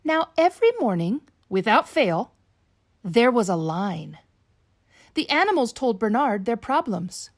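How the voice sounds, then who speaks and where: Her high, lively voice swooping without hurry, a teacher gives an expressive bedtime reading of a picture book for young kids. The delivery is slow and animated, captured with a close, dry sound.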